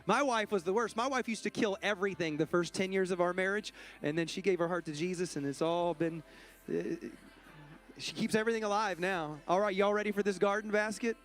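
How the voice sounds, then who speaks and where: A man's voice: sits high, brisk, fairly bright tone, soft background music. A man, a pastor joking playfully with his congregation while he runs a raffle from the church stage. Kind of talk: church service announcements and raffle.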